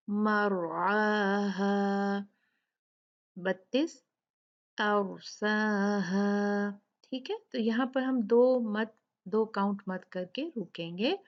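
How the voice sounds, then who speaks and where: A woman teaching the rules of Quran recitation. She explains each rule and then recites the words slowly and drawn out. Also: medium pitch, a little mellow, lo-fi sound. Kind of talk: tajweed lesson with slow demonstration recitation.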